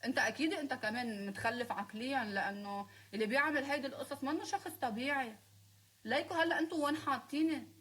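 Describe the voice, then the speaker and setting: High-pitched Lebanese woman, heated rant. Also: quick pace, a bit bright. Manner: confrontational, scolding and sarcastic. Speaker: singer speaking on a live stream. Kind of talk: heated live-stream rant.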